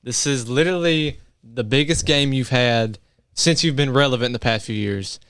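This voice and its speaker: A man's voice: medium pitch, moderate pace, fairly bright tone, clean tone, no echo, studio quality. A man on a sports talk panel making his pick, fired up and pleading with the team.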